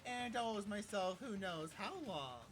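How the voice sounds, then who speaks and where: A man voicing a manic, taunting female serial killer, loud and mocking over game music. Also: high-pitched, expressive, a little slow, voice pushed up.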